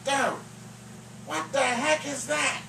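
A teasing, sarcastic sock puppet, voiced by a man, hosts a children's show with exclamatory banter. The voice is sharp and unhurried, over faint noise from a home recording. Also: extremely high pitch, fairly even intonation, vocal fry, pitched above the performer's own voice, full character voice. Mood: excited.

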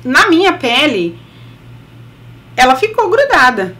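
A woman's voice: sits high, sing-song, slow, pushed and bright. A middle-aged woman with a Brazilian Portuguese accent reviewing a beauty product in a casual, chatty way with laughing asides, speaking through a face mask. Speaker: beauty vlogger.

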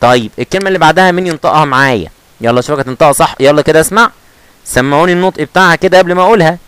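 A man's voice: fairly high pitch, fairly bright tone, smooth, dry recording, rough recording. Teasing Egyptian man drilling English words. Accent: Egyptian Arabic. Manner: teasing, repeats each word slowly. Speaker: English teacher. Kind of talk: vocabulary lesson.

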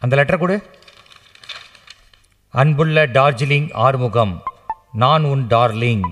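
An actor playing a wisecracking bachelor in a stage comedy, firing off cheeky retorts and reading verses in a mock-solemn tone. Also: male voice, medium pitch, takes it slowly, a bit bright, faint music behind. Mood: sarcastic. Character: wisecracking bachelor man, sharp-tongued and cheeky. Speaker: lead comic character in a stage play. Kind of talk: Tamil stage comedy acting. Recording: stage play with hall reverb.

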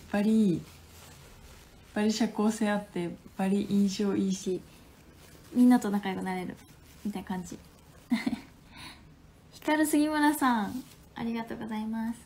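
A woman in her twenties with a Hakata accent, chatting casually on a phone livestream at home, playful and quick to laugh. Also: mid-range voice, darkish tone, a little hiss or hum. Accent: Hakata dialect. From Fukuoka, Japan. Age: 20s. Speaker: livestream host. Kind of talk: casual livestream chat reading viewer comments.

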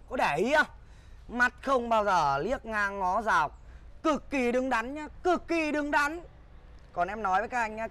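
A man's voice: sits high, a bit bright. Man playing a bragging husband. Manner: boastful, coaxing. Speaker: boastful husband who fears his wife. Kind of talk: comedic short-film acting.

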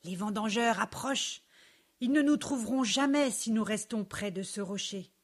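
A woman voicing a hot-tempered young male red grape in a storybook reading, speaking lower and more forcefully than her narration, with a grumbling manner. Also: natural voice. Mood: earnest. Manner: grumbling, quick to anger.

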